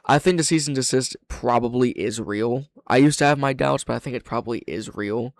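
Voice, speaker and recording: A gravelly, mid-range male voice speaks fairly quickly in a clean studio recording without echo. He's a reaction host and video reviewer offering casual, spontaneous commentary, opinionated and blunt, with plenty of swearing.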